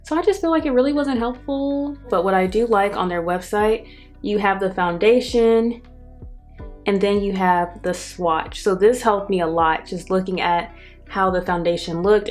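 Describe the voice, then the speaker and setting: A woman's voice: medium pitch, moderate pace. A woman vlogger chatting casually to viewers through a makeup review, her speech slightly affected by wearing a retainer. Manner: chatty, addresses viewers directly. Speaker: beauty vlogger. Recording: soft music behind the voice. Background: background music.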